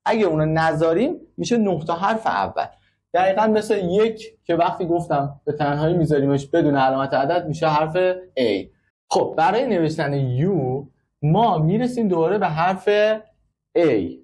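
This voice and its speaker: A man with a somewhat high voice explains braille to a class. He works step by step and counts out the numbers methodically. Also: expressive, a little mellow. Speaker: braille teacher. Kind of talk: classroom lesson.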